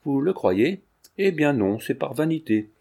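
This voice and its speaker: A man's voice: mid-range voice, very animated, a little slow, creaky, warm tone, slightly rough, exaggerated voice. A man reading aloud, voicing a proud young male student speaking firmly.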